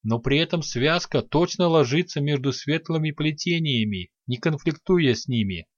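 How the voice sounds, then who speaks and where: Steady thoughtful male mage, read by a man, slow, dull sound. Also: on the high side, dry recording. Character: calm male mage, agreeable.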